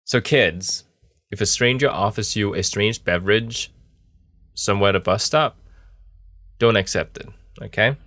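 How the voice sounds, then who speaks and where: A man with a fairly low voice streams a game in a dry, close-sounding small space. He thinks aloud casually, wandering from remark to remark and joking in a laid-back way. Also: a little slow, pauses often, fairly bright tone, dry recording. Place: small office in a camper.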